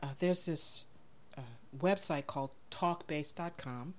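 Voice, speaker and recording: A low-pitched woman hosting a relaxed interview. She talks in a chatty way, with frequent laughs and "um"s. Her tone is informal and conversational. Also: measured pace. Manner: chatty, laughs often, many fillers. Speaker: podcast host. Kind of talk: casual interview.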